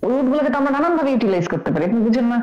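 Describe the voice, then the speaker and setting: A man's voice: very high voice, very animated, racing, a little mellow, echoey room, muffled recording. A man on a talk show panel who speaks in a sarcastic, mocking way over a video call. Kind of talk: heated online talk show discussion.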